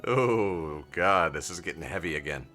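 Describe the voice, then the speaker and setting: Bright, lively low-voiced man commenting. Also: normal speed, faint music behind. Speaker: gamer commenting on a playthrough. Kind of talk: casual game commentary.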